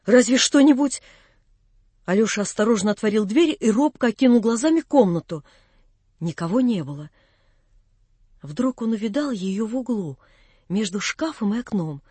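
A woman narrating a classic novel aloud in a measured, calm storytelling manner. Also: medium pitch, husky, dry recording. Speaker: audiobook reader.

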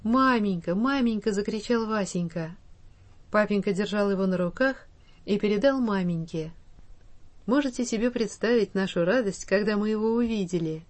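A woman reads a children's storybook aloud as narrator. Her delivery is slow and measured, with a mid-range pitch and a calm, steady pace. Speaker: audiobook narrator.

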